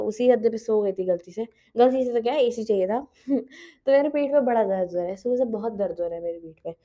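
A woman's voice: fairly high pitch, warm tone. A teenage girl chatting casually as the host of her own show, mixing in English phrases and laughing often, recorded at home. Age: teens. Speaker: podcast host. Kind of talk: casual chat.

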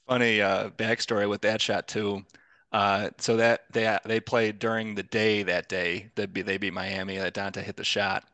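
A man, a former college player, telling lively stories as a podcast guest. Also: fairly low pitch, moderate pace, dry recording. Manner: lively storyteller. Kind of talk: casual podcast chat.

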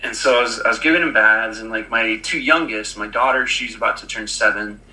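A man's voice: fairly low pitch, a little fast, bright, forceful tone, poor audio. A man in his thirties co-hosting a casual chat, telling a long story with lots of fillers and restarts. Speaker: podcast co-host.

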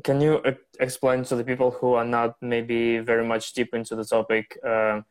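A man's voice: medium pitch, completely flat delivery, moderate pace. A young man hosting a casual podcast interview, asking loosely phrased questions in a hesitant way. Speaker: podcast host.

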